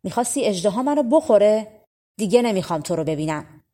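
A woman's voice: medium pitch, lively intonation, warm tone, natural voice. A woman voicing a young man in a storybook reading, talking in a reproachful way. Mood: hurt. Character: young man, hurt and betrayed brother.

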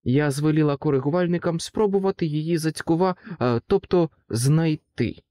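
A man's voice: on the high side, moderate pace, dark tone, dry recording, voice pushed up, close to an everyday voice. A man voicing a proud, fawning female courtier who speaks in a raised, haughty tone. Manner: haughty, smooth, ingratiating.

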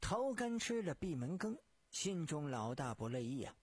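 A man narrating a serialized detective story for radio in an expressive, drawn-out storyteller manner with sighs, recorded in a dry, close studio. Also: a little high, husky, no room sound.

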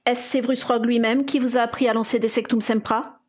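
A man's voice: extremely high pitch, level tone, fast, pitched above the performer's own voice. A woman reading aloud and voicing a young wizard investigator who speaks coldly and curtly. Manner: cold, curt.

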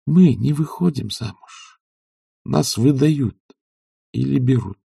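A man reading an audiobook, voicing a proud, composed young noblewoman who speaks firmly and calmly. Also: medium pitch, slow pace, vocal fry, breathy edge, no echo, studio quality, voice pushed up, heavily acted. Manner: firm, calm and self-assured.

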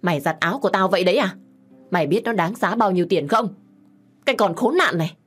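A bossy, scheming older aunt scolds in a raised, shrill voice in a storybook tale, as a woman narrator puts her on. She talks down to everyone around her. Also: animated, moderate pace, faint music behind, close to an everyday voice. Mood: scolding. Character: scheming older aunt, domineering and sharp-tongued.

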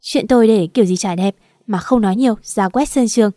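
A woman's voice: medium pitch, fairly quick, mellow, no room sound, studio quality, natural voice. A woman voicing a vain, stern middle-aged male teacher who scolds in an audiobook story.

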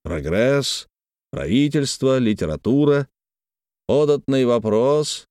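Мужчина читает классическую прозу в аудиокниге, выразительно и размеренно. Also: male voice, mid-range voice, smooth, dry recording, clean studio sound. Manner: expressive, measured reading. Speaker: audiobook narrator. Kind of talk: scripted literary narration.

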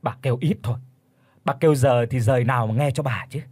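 A man's voice: mid-range voice, fast talker, darkish tone, slightly rough, no echo, lightly acted. A man voicing a greedy grown son, wheedling and snapping at his mother in an audio storybook. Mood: angry. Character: greedy grown son, flattering then hostile.

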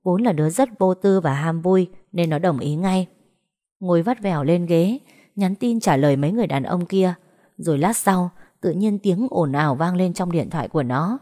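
A woman reading a romance story aloud as narrator, even and measured. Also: on the low side.

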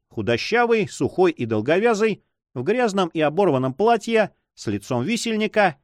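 An audiobook narrator, a man with a fairly high voice, reads an adventure novel aloud in a measured, expressive storytelling style. The studio recording is clean, with no room sound.

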